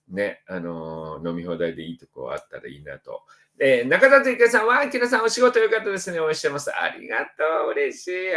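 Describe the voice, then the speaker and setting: A man's voice: mid-range voice, fairly bright tone. A middle-aged man from Osaka, a spiritual counselor hosting a casual livestream and chatting upbeat through viewer comments. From Osaka, Japan. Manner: chatty and upbeat, voice jumps up when reading out names.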